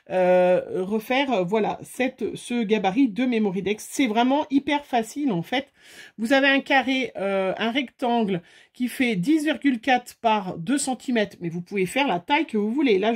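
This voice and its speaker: Woman, chatty craft tutorial host, fairly high voice, lots of fillers. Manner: chatty, talks straight to viewers with many fillers.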